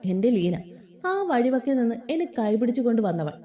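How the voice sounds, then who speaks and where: A woman voicing a wounded, defiant young wife who speaks with sharp scorn. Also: on the high side, big pitch swings, moderate pace. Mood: tender.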